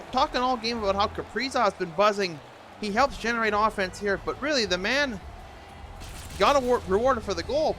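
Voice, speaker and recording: A man's voice: sits high, bright, forceful tone, a little hiss or hum. A man doing amateur hockey play-by-play commentary for a video game in short clipped phrases, in the style of a sports announcer.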